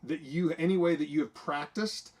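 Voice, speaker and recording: Male co-host, slightly higher voice, casual faith chat full of fillers and restarts, earnest tone. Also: moderate pace, darkish tone. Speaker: co-host of a church livestream. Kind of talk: casual faith talk with scripture reading.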